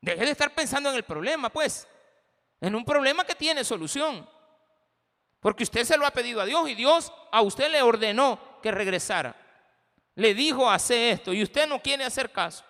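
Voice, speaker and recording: Brief: impassioned Salvadoran male pastor, bright forceful voice, big echoing church. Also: very high voice, expressive, normal speed. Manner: impassioned, addresses the congregation directly. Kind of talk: sermon.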